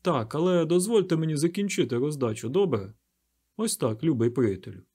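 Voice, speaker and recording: A man's voice: fairly high pitch, big pitch swings, a little fast, warm tone, breathy edge. A man reading an audiobook, voicing a curt, fussy young male clerk who barks orders. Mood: falsely soothing. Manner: curt, commanding, falsely soothing. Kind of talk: audiobook character voice.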